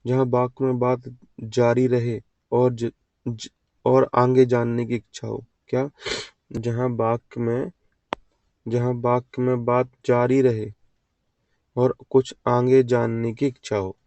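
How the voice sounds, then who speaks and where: Gravelly dark-voiced man teaching grammar. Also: medium pitch, flat delivery, takes it slowly, long pauses, dry recording. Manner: repeats questions and answers them himself; quizzing, call-and-response delivery. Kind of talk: exam-prep grammar lesson. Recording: dull lo-fi sound.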